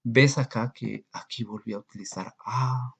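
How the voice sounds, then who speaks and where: A man teaching English grammar in a recorded lesson, slowly and patiently explaining and repeating examples. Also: mid-range voice, steady tone, creaky, a bit bright, husky, highs cut off.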